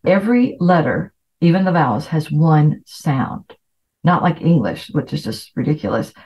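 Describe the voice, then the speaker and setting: Speaking at a normal speed, a middle-aged woman who grew up in Latin America hosts an informal self-help podcast, chatting and sharing anecdotes. Her low voice is expressive and warm in tone, and the voice recording is dull and lo-fi.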